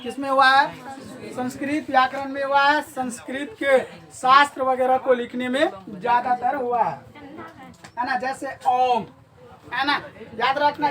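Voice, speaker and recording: A woman's voice: high-pitched, a bit bright. A woman teaching Hindi grammar in a classroom lecture, quizzing her students and repeating each answer back to them. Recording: distant mic, class of students audible.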